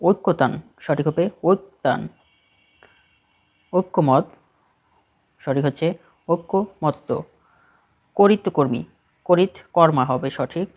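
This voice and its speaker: A man's voice: fairly high pitch, slow, long pauses, a little mellow. A man with a Bangladeshi Bengali accent reads a spelling list aloud for exam prep, steadily correcting each word in short phrases.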